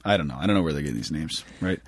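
A man in his thirties co-hosts a podcast in casual chat, joking, laughing and stumbling over foreign names. His extremely low voice is very fast and slightly rough, recorded dry at studio quality.

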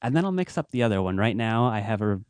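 A man with a fairly low voice chats as a podcast guest, laid-back and self-deprecating, with frequent laughs. The sound is dry and close, with no room echo. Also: sing-song, quick pace, darkish tone. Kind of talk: casual podcast chat.

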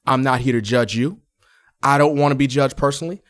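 A man's voice: mid-range voice, a little fast. A man hosting a solo podcast, talking casually and colloquially, straight to his listeners. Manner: colloquial, addresses listeners directly. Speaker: podcast host.

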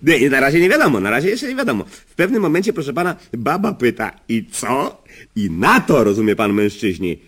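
A muddled joke-mangling chatterbox. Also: male voice, mid-range voice, sing-song, fairly quick, fairly bright tone, husky. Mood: chuckling. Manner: rambling, talks over others, chuckles at own jokes. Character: muddled chatty man who garbles his own jokes. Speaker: comic sketch character. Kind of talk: radio comedy sketch.

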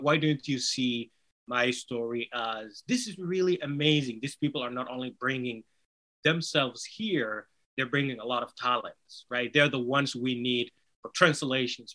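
An earnest man from Somalia whose first language is Somali answers conversationally as an author and interview guest. He is persuasive and rhetorical, tagging his points with "right?". His voice is medium-pitched, pushed and bright, on a low-quality recording.

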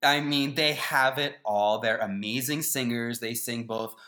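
A man's voice: mid-range voice, measured pace, pushed and bright. A man co-hosting a podcast in casual chat, giving his opinions with emphatic swings. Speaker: podcast co-host.

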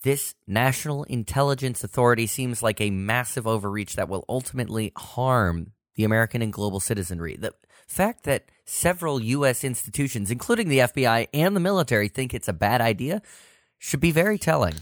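A man's voice: medium pitch, animated, a little fast, no echo, clean studio sound, lightly acted. A man playing a worried, deferential Secret Service agent in a satirical sketch, pleading formally and politely. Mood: worried, frank. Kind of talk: scripted satirical sketch acting.

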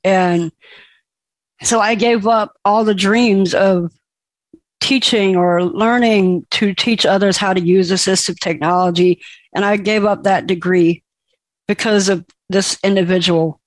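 A woman recounts her own life story in a slow, unhurried way, pausing often and stopping to restart her thoughts. Her voice sits at an ordinary middle pitch and carries emotion without turning theatrical. The recording is dry and close, with no room sound around her. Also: steady tone, dry recording. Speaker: speaker sharing a personal story. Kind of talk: personal testimony.

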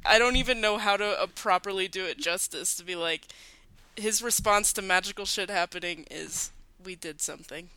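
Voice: medium pitch, fairly quick, sharp tone, slight background noise. A co-host in a casual movie commentary chat who laughs often and rambles with fillers. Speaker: podcast co-host.

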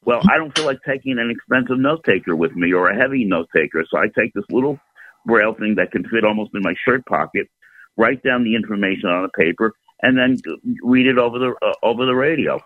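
A man in his seventies calling in to a radio show, telling stories in a steady, detailed way over a phone line. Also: fairly low pitch, fast. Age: 70s. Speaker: caller. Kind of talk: call-in radio chat.

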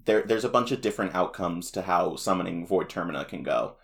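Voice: sits low, lively intonation, brisk, gravelly. A podcast co-host casually recapping a cartoon, rambling with lots of fillers and restarts. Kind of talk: casual chat.

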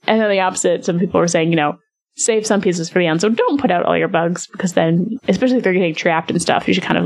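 A woman hosting a podcast, chatting casually about a board game, laughing often, her voice jumping high when excited. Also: creaky. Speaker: podcast host.

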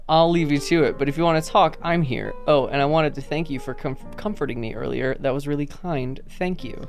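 A woman's voice: low voice, moderate pace, soft background music. A woman co-hosting a podcast, playful and chatty, reading old messages aloud. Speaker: podcast co-host.

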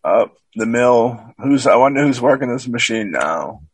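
Slow, husky laid-back man. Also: medium pitch, expressive, no room sound. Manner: laid-back, narrates what happens on screen. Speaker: podcast co-host. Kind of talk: casual movie commentary chat.

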